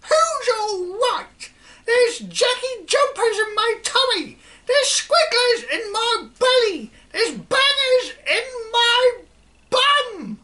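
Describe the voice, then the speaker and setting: A woman voicing a furious, cantankerous old grandmother who shrieks and yells in a shrill voice. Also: very animated, slow, heavily acted. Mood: shrieking. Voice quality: shrill screeching.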